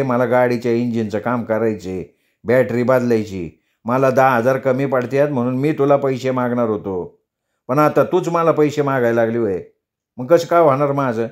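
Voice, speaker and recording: Voicing a hot-tempered village taxi driver, a male storyteller blusters and snaps quickly. His pitch is medium and his tone darkish, fairly close to an everyday speaking voice.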